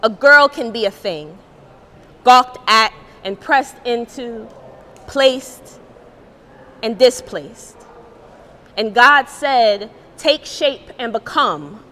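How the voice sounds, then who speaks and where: A woman performing her poetry live at a gallery, her voice set a little high. She recites slowly and deliberately, letting each phrase land on its own. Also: lively intonation, pushed and bright. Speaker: poet. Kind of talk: spoken-word poetry performance. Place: art gallery event, indoors.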